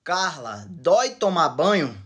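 Brief: male comedy host, very animated pitch, playful mock-guru teasing of his wife. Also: a little slow, slightly rough. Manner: teasing mock-wise answers to viewer questions. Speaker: comedy couple channel host. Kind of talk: joking couple Q&A.

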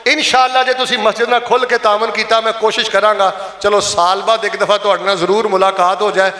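A man's voice: high voice, level tone, fast, bright, forceful tone. A man with a Punjabi accent delivering an impassioned Friday sermon in a mosque, calling on the congregation to answer aloud. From Pakistan. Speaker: Friday preacher. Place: large mosque hall. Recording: echoey mosque hall, long reverb.

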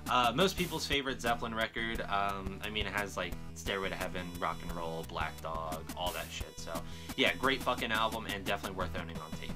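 Low-pitched and fairly quick, a young man speaks over music while showing off his music collection in a vlog. He's informal and swears freely, filming show-and-tell style from a small room at home.

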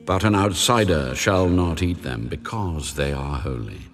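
An actor playing God as a solemn, commanding male deity, giving sacred instructions deliberately in a dramatized audio Bible. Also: sits low. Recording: long reverb over background music. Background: music.

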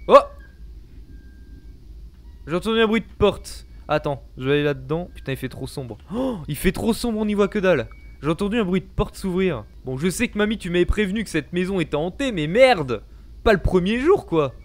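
Panicky young male gamer, wildly swinging pitch. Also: expressive, fairly quick. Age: young adult. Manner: panicky, jumpy, swearing, bursts into yelps. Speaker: gamer commentating a horror game. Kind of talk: excited gameplay commentary. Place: small home gaming room, indoors. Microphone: close desk microphone, headset on.

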